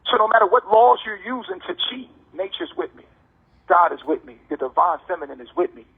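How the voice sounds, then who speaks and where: A man's voice: high-pitched, big pitch swings, brisk, gravelly, husky. An American man on a prison phone line, delivering an impassioned, slangy monologue with emphatic repetition and rhetorical questions. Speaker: detainee speaking on a jail phone call.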